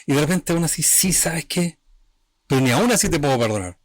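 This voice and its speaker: A man's voice: fairly high pitch, animated, fairly quick, no room sound. A man hosting a live-streamed talk on emotional healing, speaking conversationally in short, restarting phrases and often checking that the listener follows. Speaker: host of an emotional healing channel.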